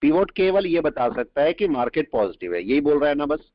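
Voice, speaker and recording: A man teaching a live trading class, explaining points and quizzing his students with quick questions. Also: on the high side, big pitch swings, dry recording. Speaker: trading instructor. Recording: dull lo-fi audio, dry.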